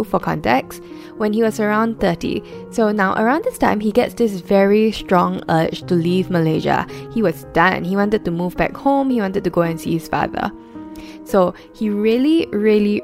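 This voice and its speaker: A woman's voice: mid-range voice, vocal fry. A woman podcast host telling a true-crime story conversationally, with chatty asides and rhetorical questions. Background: faint music.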